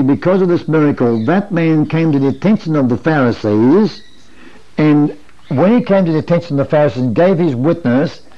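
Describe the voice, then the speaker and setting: A man in his sixties teaching a Bible study in a sermon style, earnest and explanatory, asking rhetorical questions, in a wood-panelled meeting room. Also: fairly high pitch. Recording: dull lo-fi 1980s video recording.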